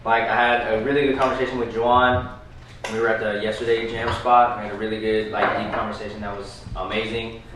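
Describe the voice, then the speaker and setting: A man's voice: on the low side, little pitch movement, fast talker, fairly bright tone, a little hiss or hum. A laid-back man in his thirties from Las Vegas talks casually at a roundtable, full of slang and "like"s. He sits well away from the mic in a very echoey room, and dishes clatter behind him. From Las Vegas, United States. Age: 30s. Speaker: kendama player. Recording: roomy, distant, dish clatter behind.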